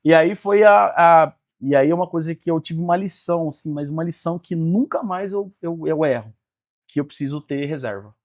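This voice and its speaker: Animated high-voiced man telling his story. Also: fairly quick. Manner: animated storyteller acting out quoted dialogue. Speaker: guest, business mentor. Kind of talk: personal storytelling in a podcast interview.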